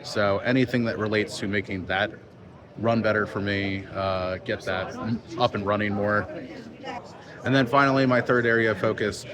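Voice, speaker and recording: A man vlogging casually into his phone's microphone, explaining things off the cuff and pausing between points. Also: fairly low pitch, steady tone. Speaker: vlog host, film sound mixer. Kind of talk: casual vlog to camera. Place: busy convention venue. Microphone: phone's built-in microphone. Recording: busy crowd noise, phone microphone. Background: crowd chatter.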